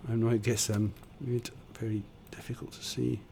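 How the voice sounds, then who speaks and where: In a mid-range, gravelly yet mellow voice, a man talks at normal speed with flat delivery, a little hiss or hum behind him. He's at home on a desk condenser microphone, streaming a building game and giving casual tutorial commentary, chatting, muttering and putting himself down as he goes.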